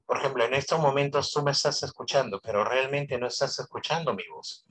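A man's voice: medium pitch, brisk, fairly bright tone, slightly rough, low-quality recording. A man teaching an online economics class, speaking through a voice amplifier, who keeps asking his students questions and repeating his points for emphasis. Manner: asks students constant rhetorical questions.

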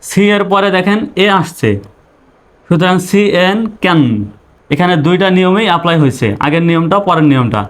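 A man's voice: high-pitched, a little fast. A man teaching an English spelling lesson, patiently repeating each rule and spelling words out letter by letter.

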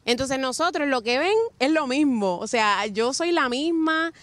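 A young woman chatting on a podcast, her voice sitting a bit high. She speaks earnestly and expressively and acts out little quotes as she goes. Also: a little slow, fairly bright tone, dry recording. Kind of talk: casual chat.

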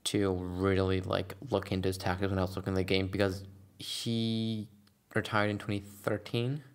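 Low-voiced young man. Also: moderate pace, smooth. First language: Norwegian. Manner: relaxed, hesitant, with stammered restarts. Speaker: podcast guest, youth football coach. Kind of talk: casual chat.

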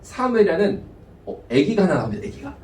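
A man preaching with a high-pitched voice, lively and acting out little asides. His voice rings through an echoey sanctuary and sounds set back from the mic. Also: quick pace, distant mic. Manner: animated preaching, voices God and people in asides. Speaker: pastor. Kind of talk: sermon. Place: church sanctuary.

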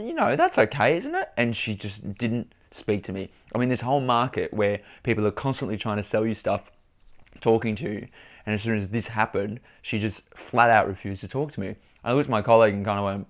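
A young man telling a story to camera in a casual, animated vlog, often restarting and repeating words. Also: medium pitch. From Australia. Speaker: vlogger.

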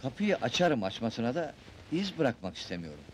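An actor playing a calm, scheming accomplice in a 1970s comedy film, speaking in a low-key plotting tone. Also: male voice, brisk, slight background noise, close to an everyday voice. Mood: conspiratorial.

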